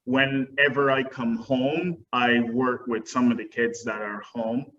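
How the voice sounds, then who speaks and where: A young guest dance teacher from Barbados earnestly answers webinar questions over a video call, with frequent ums. His medium-pitched voice has fairly even intonation, a fairly bright tone and a slightly slow pace, and the audio sounds dull and distant with faint noise.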